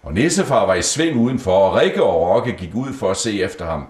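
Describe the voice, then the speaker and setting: A man reads a children's Christmas tale in a low, deep voice that rises and falls with lively expression. The room around him gives the voice a noticeable echo. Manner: gentle, lively storybook reading. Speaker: storyteller. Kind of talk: reading a Christmas story aloud. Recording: roomy echo.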